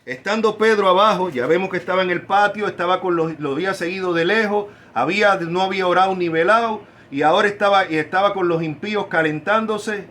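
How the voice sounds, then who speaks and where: A man preaching a sermon, stressing key words by drawing them out slowly. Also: high voice, fairly bright tone. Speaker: pastor.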